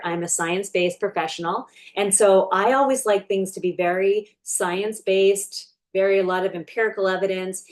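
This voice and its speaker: Chatty woman giving a casual tutorial. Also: medium pitch. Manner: chatty and unscripted, with frequent fillers and restarts; slows right down while dictating prompts. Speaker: online business coach. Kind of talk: casual screen-share tutorial.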